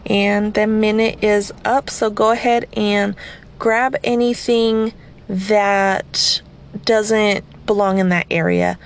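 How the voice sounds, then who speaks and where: A female podcast host guides a casual cleaning session at home early in the morning, her mid-range voice slightly raspy from just waking up. She takes it slowly with fairly even intonation, chatting and rambling with self-deprecating asides.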